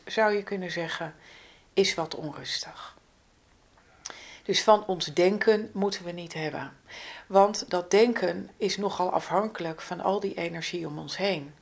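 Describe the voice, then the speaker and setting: A woman with a slightly low voice and plenty of vocal fry delivers a spiritual astrology forecast. She speaks very slowly and gently, in an instructive way. Her phrases often sink into a breathy near-whisper.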